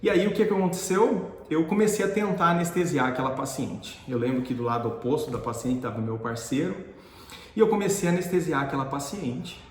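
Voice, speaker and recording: A middle-aged man telling a personal story in an earnest, halting way, often restarting his sentences. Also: fairly high pitch, animated. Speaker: dentist and teacher. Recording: echoey room with long reverb.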